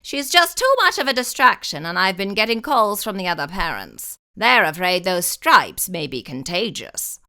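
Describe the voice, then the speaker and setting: A woman's voice: medium pitch, sing-song, moderate pace, few pauses, sharp tone. A woman voicing an apologetic but firm male school principal in a children's storybook. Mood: regretful, firm. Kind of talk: children's storybook read-aloud.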